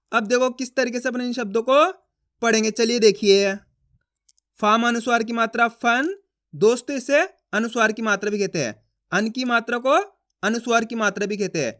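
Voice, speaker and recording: A man teaching a reading lesson, asking himself questions and answering them, sounding out syllables slowly. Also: extremely high pitch, bright, forceful tone. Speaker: Hindi teacher.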